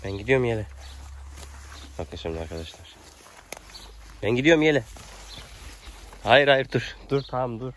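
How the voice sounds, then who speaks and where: Man, lively rising and falling voice, fond coaxing tone with animals, outdoor countryside, faint background noise. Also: medium pitch, normal speed, long pauses. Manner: coaxing, affectionate, calling out and repeating words to animals. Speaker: rural vlogger caring for his horses. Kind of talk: casual vlog talk to animals and viewers.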